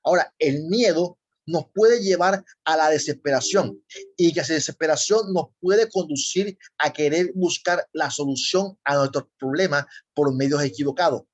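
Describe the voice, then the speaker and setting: A man preaching a sermon, often pausing to ask his listeners rhetorical questions. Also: a little high. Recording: slightly dull lo-fi recording.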